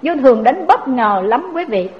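Woman preacher, high voice, lively story-led sermon, dull recording. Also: normal speed. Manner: lively, addresses audience directly with rhetorical questions. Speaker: Buddhist preacher.

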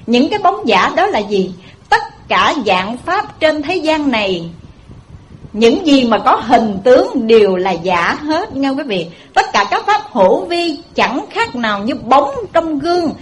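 A woman's voice: a little high, slight background noise, poor audio. A woman with a Southern Vietnamese accent giving a Buddhist dharma talk, telling a folksy story and addressing listeners directly. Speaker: Buddhist preacher.

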